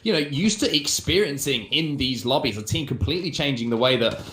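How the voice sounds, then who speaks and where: A man's voice: medium pitch, expressive, fairly quick, a bit bright, reverberant, poor audio. A man commentating live on an esports match as one of its casters.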